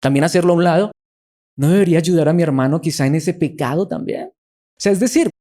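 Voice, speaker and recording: A man preaching a sermon in church, earnest, with many rhetorical questions and a soft low voice for emphasis.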